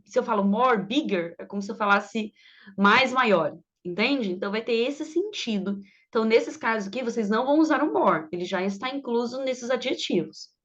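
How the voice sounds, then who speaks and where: Brazilian lady teaching english online, patient, reads examples slow, kinda muffled sound. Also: fairly high pitch. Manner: explains patiently, reads English examples slowly then translates. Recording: dull lo-fi sound.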